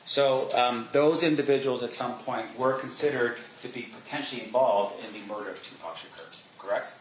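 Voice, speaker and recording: A man doing a courtroom cross examination as an attorney, asking probing, leading questions with halting pauses. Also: mid-range voice, a crowd in the background. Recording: roomy echo, faint background noise.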